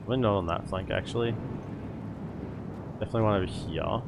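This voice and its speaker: A man's voice: on the low side, brisk, creaky, background noise. A man giving casual strategy game commentary as a streamer, thinking aloud as he goes. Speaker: gaming streamer. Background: game music.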